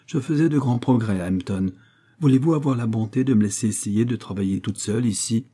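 A man reading aloud voices a timid, polite, bookish young woman who speaks gently and pleads with her aunt. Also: medium pitch, brisk, slightly rough, lightly acted.

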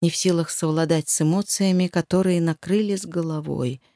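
A woman narrating a first-person novel as an audiobook in a steady, emotive storytelling manner. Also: fairly low pitch, a little fast, no echo.

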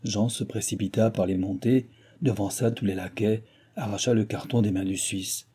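Male narrator, very dark husky tone, measured classic audiobook read. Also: on the low side, steady tone.

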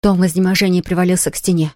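A woman narrating a children's story in an expressive, steady way. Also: lowish voice, rapid-fire, no room sound, clean studio sound.

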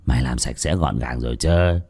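A man doing a low menacing old village elder. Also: a little fast, vocal fry, a little mellow, husky, no echo, heavily acted. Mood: whispering. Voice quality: low muttering threatening voice.

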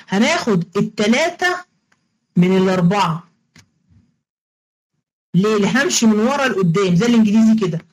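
A woman's voice: medium pitch, darkish tone, slight background noise, poor audio. A woman teacher with an Egyptian Arabic accent, giving an online lesson in a playful, coaxing way, repeating each step and quizzing her students. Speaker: religious studies teacher.

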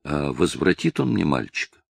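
A man's voice: rumbling low, sing-song, moderate pace, gravelly, breathy edge, no room sound, clean studio sound, exaggerated voice. A man voicing a grieving, proud young woman in a novel reading, speaking with defiance. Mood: pleading. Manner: pleading then defiant.

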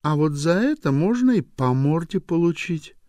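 A sharp-tongued young wife, combative and quick to snap, put on by a male narrator. Her pitch leaps wildly up and down as she taunts. The sound is close and dry. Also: sing-song, dry recording. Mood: bickering. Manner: mocking, provocative, quick to snap. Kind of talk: audiobook character voice.

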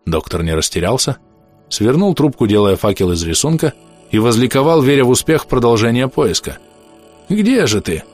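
A man reading an audiobook aloud in an expressive storytelling manner. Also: mid-range voice, fairly quick, faint music behind. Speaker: audiobook narrator. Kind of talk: scripted narration.

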